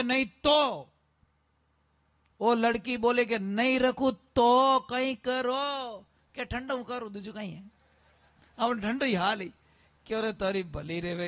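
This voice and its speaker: A man's voice: sits high, a bit bright. A man preaching a sermon, telling a folk story and acting out the dialogue of a husband, wife and mother.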